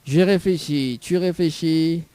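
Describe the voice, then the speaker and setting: A man's voice: fairly high pitch, measured pace, dark tone, soft background music. A male radio host, running a live call-in game with lots of laughing and teasing. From Réunion. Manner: joking, laughs often, teasing.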